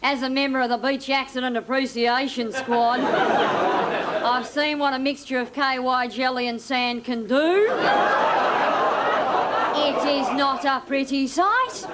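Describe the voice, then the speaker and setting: A woman's voice: sits high, slow pace, over a noisy crowd, very noisy. A woman playing an officious police spokesperson giving a holiday safety briefing in a TV comedy sketch, with a studio audience laughing.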